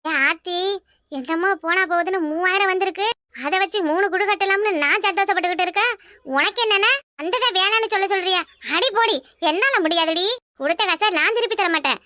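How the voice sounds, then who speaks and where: A woman's voice: very high voice, brisk, sharp tone, dry recording, studio quality. A woman voicing a practical, scolding village woman named Rani in a cartoon, with a southern Tamil Nadu rural accent. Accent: southern Tamil Nadu rural dialect. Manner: scolding, worldly. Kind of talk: cartoon voice acting.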